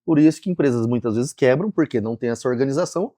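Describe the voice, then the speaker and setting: A man hosting a podcast, explaining business ideas calmly and in a measured way. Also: medium pitch, no echo, clean studio sound. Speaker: podcast host. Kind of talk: conversational interview.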